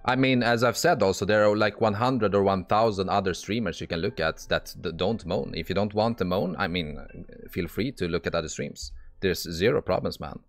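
Man, low voice, live poker stream commentary, blunt, exasperated, swears, stumbling restarts. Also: normal speed, faint music behind.

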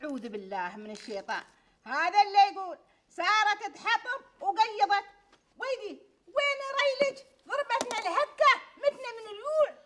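A woman with a very high voice. She plays a wife in a sitcom and nags and chides. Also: animated, fairly quick, fairly bright tone. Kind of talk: sitcom acting.

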